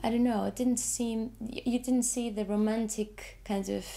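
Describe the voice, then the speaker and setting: An artist from Iceland discusses her photographs in English, not her first language, stumbling into repetitions and restarts. Her voice sits fairly high but is gravelly and dark, with fairly even intonation and a moderate pace. It's an interview setting.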